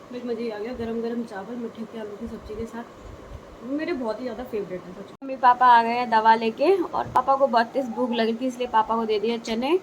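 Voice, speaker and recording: Her voice is a little high and steady, her delivery brisk, with noise behind her. A young woman vlogging her family's day at their rural home, moving between the cattle yard and kitchen, she chats casually and repeats herself to stress points.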